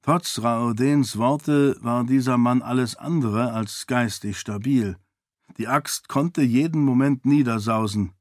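A male audiobook narrator tells the story at a slow, measured pace. His voice sits in a middle pitch. The recording is dry and close. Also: dry recording. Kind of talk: scripted narration.

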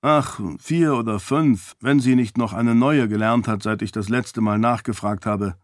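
A man's voice: mid-range voice, steady tone, unhurried, no echo, studio quality, natural voice. A man doing a wry, amused young cousin.

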